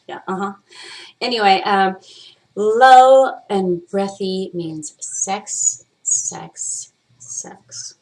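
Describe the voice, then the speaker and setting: Talking to camera on her vlog, this host rambles in a casual, candid way, cursing frequently and playing around with different voices. She has a mid-range voice and draws her words out.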